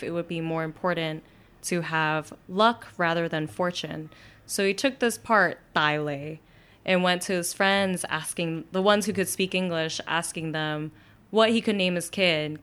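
A young woman from Brooklyn, New York, appears as an interview guest, her voice on the low side with a fairly bright tone. She tells her story chattily, with many fillers and restarts.

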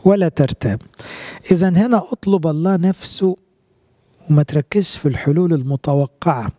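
A middle-aged Egyptian priest delivers a sermon in a chatty, colloquial way, asking his listeners questions as he goes. His voice sits a little high yet sounds mellow and warm. The sound is close and dry. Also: fairly quick, no echo. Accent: Egyptian Arabic. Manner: colloquial, conversational preaching with rhetorical questions.

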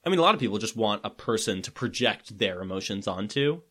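A man's voice: on the low side, expressive, fast, fairly bright tone. Male co-host, easygoing comic chat, curses casually. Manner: laid-back, swears, acts out quotes. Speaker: podcast co-host.

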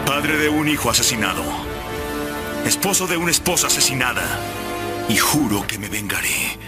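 A man's voice: mid-range voice, lightly acted. An actor dubbing a vengeful Roman general, who declaims his vow of revenge in a solemn voice that rises as he goes on. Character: vengeful Roman general, grave middle-aged man. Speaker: film character in a dub. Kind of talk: dramatic film dubbing. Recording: film clip over loud music. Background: loud film score.

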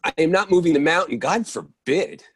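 Voicing a short-tempered, coffee-craving character in a staged play reading, the man speaks on the high side, expressive and a bit rough. The mood is bickering, and his manner is exasperated, with patience that runs out quickly, as befits a readers theatre reader.

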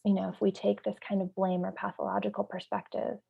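A woman of middle pitch talks through ideas in a podcast discussion, pausing to search for words before building into a lively story. The recording sounds a little dull and lo-fi. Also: vocal fry, breathy edge. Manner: thoughtful, searching for words, vivid when storytelling. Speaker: parent trainer.

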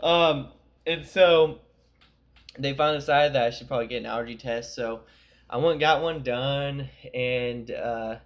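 A man's voice: mid-range voice, normal speed, muffled recording. A young man co-hosting a podcast, telling rambling, profane stories in casual chat. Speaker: podcast co-host.

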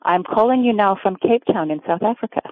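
A woman's voice: mid-range voice, fairly quick, no echo. Middle-aged woman on a tinny phone line. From Oregon, USA. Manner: earnest, explanatory, frequent restarts. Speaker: guest, pet custody mediator. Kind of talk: conversational interview answers. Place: home in Cape Town, remote call.

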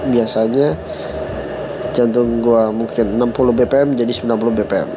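This young podcast host talks briskly in a steady, mid-range voice, his nose stuffy from a cold and his accent Jakarta slang. Alone on a casual show, he makes self-mocking jokes and laughs along with them while background noise carries on.

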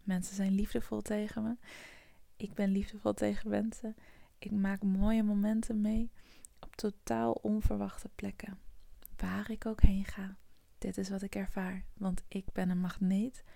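A woman guides a morning meditation in a soft, whispery voice. She speaks very slowly, her tone dark and mellow with a heavy gravelly fry. The sound is close and dry. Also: medium pitch, level tone, no room sound. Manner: soft whispery, slow, soothing. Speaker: podcast host guiding a morning meditation.

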